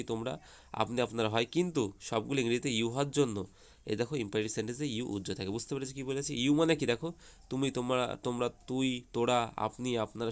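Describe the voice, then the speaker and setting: Male English tutor for kids, mid-pitch, explains step by step, keeps checking understanding. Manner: repeats checks like "ঠিক আছে?", asks and answers his own questions. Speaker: English teacher. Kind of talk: explanatory lesson to children.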